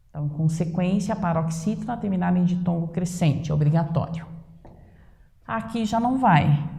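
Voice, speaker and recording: Brazilian woman teacher, slow didactic delivery, gravelly low tone; echoey room. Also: mellow. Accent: Brazilian Portuguese. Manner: didactic, repeats words slowly and stresses them. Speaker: Portuguese teacher. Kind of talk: online grammar lesson. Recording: echoey room with long reverb.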